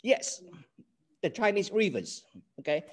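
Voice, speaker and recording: An older Hong Kong man, a native Cantonese speaker with a Hong Kong accent, delivers an online class lecture over a video call in a high voice with big pitch swings. He speaks unhurriedly, earnestly and explanatorily, regularly checking in with "okay?".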